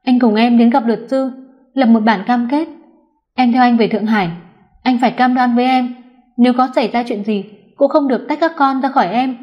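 A woman's voice: a little high, a little fast, lightly acted. A woman voicing an anxious young mother. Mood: insistent. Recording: dull lo-fi recording.

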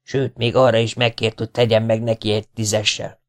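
A man voicing an excitable male poet who shares a betting tip in a hushed, eager way. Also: lowish voice, close to an everyday voice. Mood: secretive.

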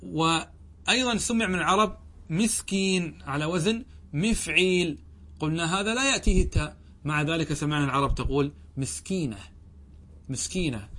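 Male teacher, slightly raised pitch, grammar lesson, reads then explains, keeps checking students follow. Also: normal speed, sharp tone. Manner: explains step by step, asks and answers his own questions; reads the text aloud, then comments on it. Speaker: sheikh teaching Arabic grammar. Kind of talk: classroom lesson with questions to students.

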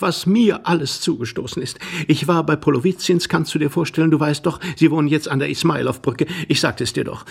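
An actor reading aloud and voicing Glafira, a flustered, effusive young society wife who gushes breathlessly. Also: male voice, on the high side, creaky, slightly rough, pitched above the performer's own voice, exaggerated voice. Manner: breathless, gushing, lilting.

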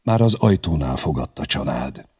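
Male narrator, audiobook, low pitch, gravelly, very husky, lively intonation. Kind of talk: audiobook narration of a historical novel.

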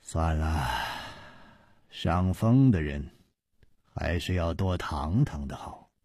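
A man voicing a calm, suave young swordsman who speaks low and with amusement. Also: slow, breathy edge, no room sound, clean studio sound, exaggerated voice. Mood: amused.

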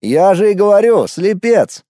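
A man's voice: high voice, very animated, moderate pace, warm tone, no room sound, clean studio sound, pitched above the performer's own voice. A man voicing a smug, nosy young man who thinks he knows all about women, talking with sarcastic, insistent teasing. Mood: exasperated. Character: smug, nosy young man, self-styled ladies' expert.

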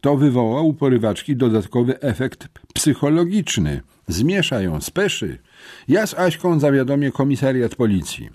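A man's voice: mid-range voice, big pitch swings, a little mellow, pitched above the performer's own voice. A man reading an audiobook voices a bossy teenage boy who gives orders and lays out plans. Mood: commanding. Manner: commanding, quick planning.

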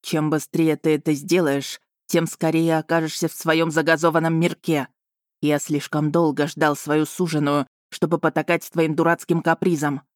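A woman's voice: deep voice, little pitch movement, normal speed, no room sound, clean studio sound, lightly acted. Woman reading as a domineering dragon lord. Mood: menacing. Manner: hissing, growling menace. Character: domineering dragon lord, grown man, cold and possessive.

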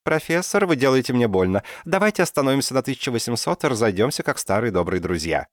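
A man's voice: medium pitch, big pitch swings, fast, no room sound, studio quality, pitched above the performer's own voice, close to an everyday voice. A man voicing a brash, grumbling young woman hunter who haggles mockingly, in an audiobook. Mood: mocking haggling. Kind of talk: audiobook character voice.

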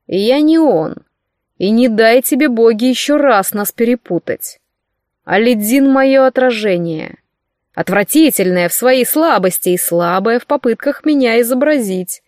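A woman reading an audiobook, voicing an arrogant, cruel young male court sorcerer with slow, mockingly tender speech. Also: on the high side, animated, a little mellow, dry recording, studio quality.

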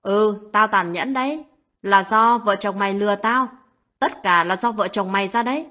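A woman voicing a harsh older mother-in-law who yells cold insults at her daughter-in-law in a spoken story. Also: on the high side, brisk, slightly rough. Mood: spiteful. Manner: shouting, cold and abusive.

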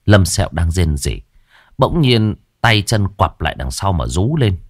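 A man narrating a dramatized ghost story in a low voice that swings widely in pitch. His telling is lively and expressive, recorded close and dry with no room sound. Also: measured pace, no echo.

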